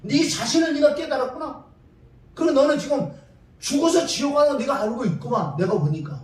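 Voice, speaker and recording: Pastor doing a high, pleading Jesus calling sinners home, echoey church, mic far away. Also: male voice, expressive, fairly quick. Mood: tender. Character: Jesus calling sinners, gentle and urgent, male.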